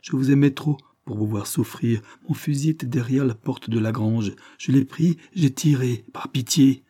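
Male reader doing a sly young farmhand, stubborn, dark and slightly raised. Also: medium pitch, moderate pace, husky, pitched above the performer's own voice, close to an everyday voice. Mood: pleading.

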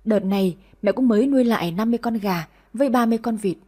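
A woman voices a poor country mother of middle age in an audio story. She speaks gently and politely, with a little hesitation. The voice is mellow and husky, and pitched a bit high. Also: quick pace, natural voice. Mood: weary.

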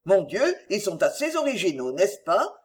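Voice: medium pitch, very animated, moderate pace, close to an everyday voice. A reader voicing a dashing nobleman who talks in a breezy, teasing, flippant way in an audiobook. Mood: jaunty. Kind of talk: audiobook reading.

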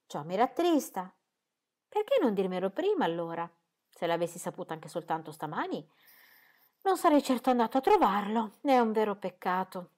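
A woman reading as a dry, ironic gentleman. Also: lowish voice. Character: dry ironic older gentleman, teasing husband.

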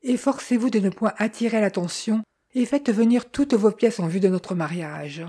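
A woman voicing a calm, decisive young fiancée who talks in a composed, gently persuasive way. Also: medium pitch, moderate pace, husky, voice pushed up, close to an everyday voice.

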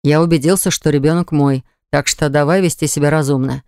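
A man reading an audiobook, voicing a stubborn young man who slowly and insistently presses his point. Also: steady tone, a little mellow, smooth, dry recording, close to an everyday voice. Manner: low, slow, persuasive and pressing. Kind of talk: audiobook character voice. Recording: dry close studio recording.

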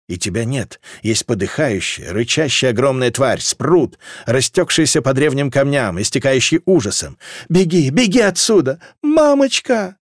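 A man narrating a fantasy novel as an audiobook, in an expressive, dramatic reading. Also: medium pitch, dry recording, studio quality.

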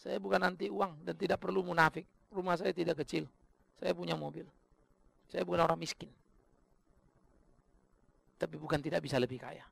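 A middle-aged Indonesian man preaching a sermon, swinging from loud emphatic bursts to low, confiding asides. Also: steady tone, moderate pace, gravelly, pauses often, breathy edge. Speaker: pastor.

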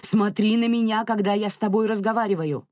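An audiobook narrator voicing a furious, grieving young mother who shouts and accuses, near hysteria. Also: mid-range voice, expressive, measured pace, husky, no room sound, studio quality. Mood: hysterical. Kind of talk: audiobook character reading.

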